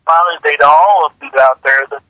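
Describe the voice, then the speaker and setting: Bright, chatty woman drag racer. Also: low-pitched, fairly even intonation, a little fast, no room sound, poor audio. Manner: chatty, laughs easily, repeats words. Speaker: jet dragster driver, guest. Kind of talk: casual interview chat.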